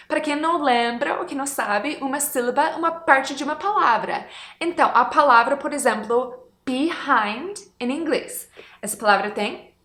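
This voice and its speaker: A woman teaching English pronunciation in a casual video lesson, laughing lightly and saying example words slowly. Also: high voice, fairly bright tone, echoey room.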